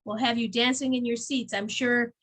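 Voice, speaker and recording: A woman with a fairly high voice co-hosts a relaxed community events show. She chats in a loose, friendly way, laughs often and reads event listings aloud. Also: normal speed. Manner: chatty, laughs easily, reads event blurbs. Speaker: chamber of commerce co-host. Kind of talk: casual community events chat.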